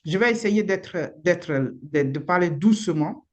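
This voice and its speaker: A woman's voice: fairly low pitch, lively intonation, measured pace, darkish tone, muffled recording. A woman lawyer with a Beninese accent gives informal, frank advice in a live online session, using the odd blunt slang word. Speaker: immigration lawyer.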